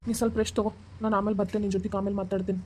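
A woman's voice: medium pitch, flat delivery, very fast, mellow, husky, lightly acted. A woman doing Harish, a torn young husband. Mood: worried. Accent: North Karnataka Kannada. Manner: soothing, worried, self-questioning. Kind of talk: cartoon voice acting.

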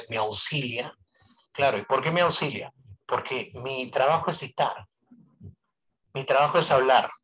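A man's voice: medium pitch, fairly bright tone, rough recording. Guy teaching an online econ class, talks through a voice amp, keeps asking questions and repeating himself, normal mid voice. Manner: asks students constant rhetorical questions; repeats phrases for emphasis. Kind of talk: online economics class lecture.

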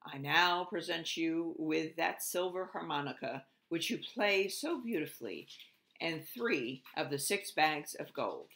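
A woman's voice: deep voice, lively intonation, unhurried, creaky, a bit bright, exaggerated voice. A woman voicing a small, pompous, greedy bird king in a children's storybook reading. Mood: solemn. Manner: pompous, proclaiming.

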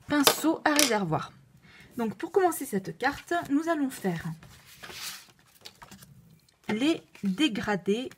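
Slow, hesitant woman with a foreign accent explaining a craft, faint hiss behind her, slipping into soft whispers. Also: mid-range voice. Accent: non-native French accent. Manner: hesitant, many fillers and self-corrections; drops to a soft whisper at times. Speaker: card-making demonstrator. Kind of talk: craft tutorial.

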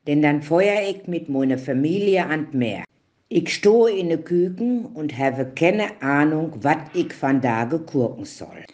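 Man, slightly high voice, slow careful reading, dialect example sentences. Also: a little mellow.

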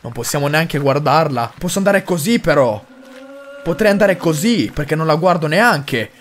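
A young man commenting on a horror game as he plays, excitable, with mild cursing and lots of talk to his viewers. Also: on the high side, normal speed, slight background noise. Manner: excitable, swears mildly, addresses viewers. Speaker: gaming video host.

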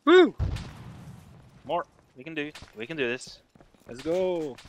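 A man in casual team chatter while playing a military shooter, excitable and prone to swearing. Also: medium pitch, brisk, a little hiss or hum. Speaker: video game player. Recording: gunfire and clicks behind voice. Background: game gunfire.

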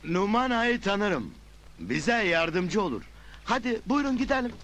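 A folksy, boastful village headman in a film comedy. His voice is high and swings in pitch, eager to please, on a noisy old soundtrack. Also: big pitch swings, unhurried, fairly bright tone, exaggerated voice. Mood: confident, obliging. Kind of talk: Turkish film comedy acting.

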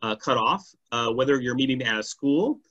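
A man's voice: medium pitch, lively intonation, normal speed, a bit bright, lo-fi sound. A man presenting at a scouting leaders' expo, talking loosely with frequent "uh" fillers and restarts. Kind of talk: conference presentation. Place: indoor expo session.

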